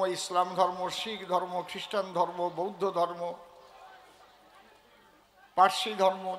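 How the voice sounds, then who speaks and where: High-voiced joking storyteller man. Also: fairly bright tone, big-room sound, slight background noise. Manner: joking, earthy, teasing the audience, then lecturing. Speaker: kobigaan folk poet performer. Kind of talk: stage storytelling to a live audience.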